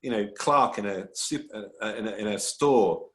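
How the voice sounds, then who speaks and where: A man's voice: on the low side, normal speed. A man telling stories in a casual panel talk, enthusiastic and rambling, full of restarts. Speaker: author guest. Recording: roomy echo.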